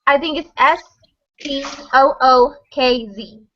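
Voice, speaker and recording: A woman guest talks hesitantly on a live show, her speech full of fillers. Her voice is high and bright, and she speaks slowly. The audio is muffled. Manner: hesitant, lots of "like". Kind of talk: casual chat.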